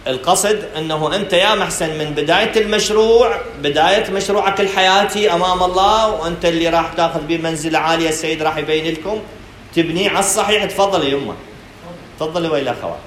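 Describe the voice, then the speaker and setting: Iraqi man, center director, brisk preacherly talk to a crowd, roomy echo. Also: on the high side, a bit bright, slight background noise. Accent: Iraqi Arabic. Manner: preacherly, rhetorical questions, addresses listeners directly. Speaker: director of a family counselling centre. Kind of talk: religious talk to an audience. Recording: echoey room recording.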